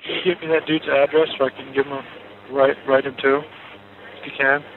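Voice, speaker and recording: A man, a jail inmate, talking on a recorded jail payphone call, hurried and halting with many fillers. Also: medium pitch, level tone, noisy background. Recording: tinny recorded jail phone line.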